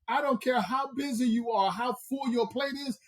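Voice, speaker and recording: A man from the American South with a Southern accent, talking as a personal growth coach on a podcast in an emphatic, preacher-like way. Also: very high voice. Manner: emphatic, preacher-like, drawn-out stresses. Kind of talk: motivational podcast talk.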